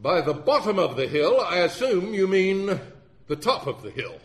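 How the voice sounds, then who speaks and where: A man's voice: high voice, sing-song, normal speed, voice pushed up. A man voicing a stubborn, pompous male country lawyer who intones and huffs his questions. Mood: insistent. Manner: intoning, huffy insistence.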